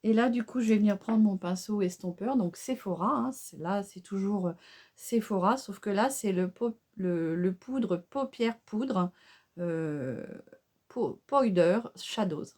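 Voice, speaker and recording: A woman talks her viewers through an improvised makeup look in a relaxed, mellow voice. She chats along with many fillers and little asides, hesitating over choices and asking the audience what they think. Her pitch sits in a middle range. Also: measured pace. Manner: excited exclamations over the colors. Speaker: beauty vlogger. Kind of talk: casual makeup tutorial chat.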